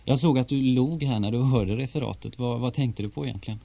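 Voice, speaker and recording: Man, radio interviewer, gravelly, very dark voice, relaxed questions, dull studio sound. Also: medium pitch, no echo.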